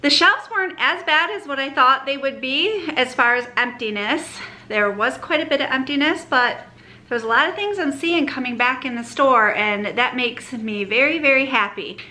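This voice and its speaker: A woman's voice: high-pitched, normal speed, pushed and bright. A woman narrating a casual shopping and cooking vlog in a chatty, upbeat way, thinking aloud as she goes. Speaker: home cook and shopping vlogger.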